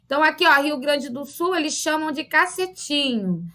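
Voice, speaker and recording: A woman's voice: high-pitched, lively intonation, normal speed, sharp tone. A woman teacher from Rio de Janeiro, with a Rio accent, patiently explaining a lesson to children in a recorded online class and often checking in with short tag questions. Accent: Rio de Janeiro Portuguese. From Rio de Janeiro, Brazil.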